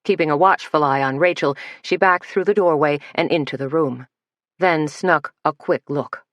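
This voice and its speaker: A woman reads a mystery novel aloud, her voice low and steady. The recording is close and dry, with no room sound. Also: dry recording, muffled recording. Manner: steady, measured reading. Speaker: audiobook narrator. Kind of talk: scripted narration.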